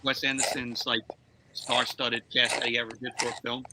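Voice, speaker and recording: A man's voice: mid-range voice, little pitch movement, normal speed, very noisy. A young man chatting casually during a movie watch-along, dropping bits of film trivia as he goes. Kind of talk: casual chat among friends.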